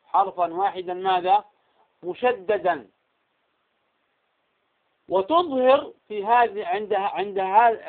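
A man teaching Quran recitation rules, constantly asking quiz questions and answering them himself. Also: high-pitched. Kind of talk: tajweed lesson. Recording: tinny phone-like line.

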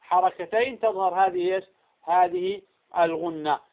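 High-voiced man teaching over a tinny line. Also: very animated, normal speed, vocal fry. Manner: keeps asking quiz questions and answering them himself. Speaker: Quran recitation teacher. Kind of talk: tajweed lesson.

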